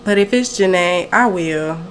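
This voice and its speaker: On her own podcast, a nineteen-year-old host rambles through a casual story, frequently stopping to correct herself partway through a sentence. She speaks unhurriedly in a fairly low voice. The recording is rough, with slight background noise.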